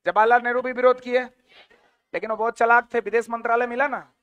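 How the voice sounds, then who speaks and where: A man's voice: extremely high pitch, level tone, fast talker, fairly bright tone, dry recording, muffled recording. A man teaching an exam-prep history lecture, firing off questions and repeating the answers again and again.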